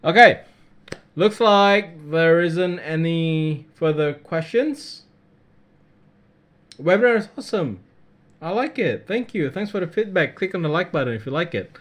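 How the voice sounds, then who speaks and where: A man hosting a live trading webinar, reading out viewer questions and answering them in a casual, relaxed way. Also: a little high, measured pace. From Australia.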